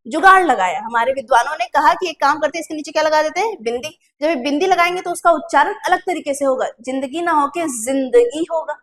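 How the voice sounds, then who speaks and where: A woman's voice: sits high, lively intonation, fairly bright tone. A woman teaching a classroom lesson for an exam, explaining step by step and asking and answering her own questions, with a Chhattisgarh Hindi accent. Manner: slows to drawn-out pronunciation drills.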